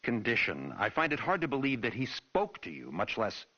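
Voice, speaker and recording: An actor playing a stern, skeptical American police chief who speaks bluntly and officially in a taped game interview. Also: male voice, medium pitch, huge pitch swings, normal speed, breathy edge. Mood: skeptical, impatient. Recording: dull, muffled old tape recording.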